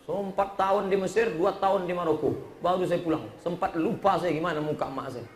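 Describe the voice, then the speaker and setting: A middle-aged man, preaching a humorous sermon with lively storytelling and jokes. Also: high voice, fairly quick, slight background noise. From Riau, Indonesia. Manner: joking, lively storytelling with acted-out quotes. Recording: echoey room.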